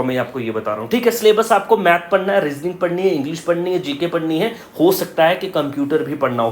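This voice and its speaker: A man's voice: sits high, slight background noise. A male coaching teacher giving students blunt, direct exam advice, repeating his key points. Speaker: coaching teacher for competitive exams. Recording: roomy echo.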